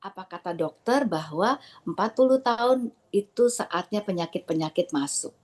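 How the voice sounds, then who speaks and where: A middle-aged woman hypnotherapist telling a personal story in a deliberate way, acting out quoted dialogue and mixing in English phrases. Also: medium pitch, animated, a little mellow.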